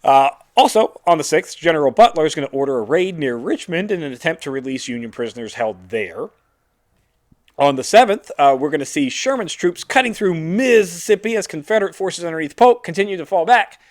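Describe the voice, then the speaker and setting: Male history podcast host, fairly high-pitched, animated and informal, salty storyteller bantering with a co-host. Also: fairly quick. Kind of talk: casual history recap with banter.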